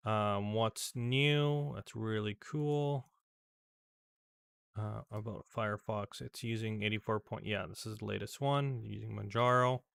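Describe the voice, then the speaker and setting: A man's voice: on the low side, creaky, fairly bright tone, clear, resonant tone, no echo. A man giving casual, rambling commentary over a screen recording as a tech vlogger, with many fillers and restarts.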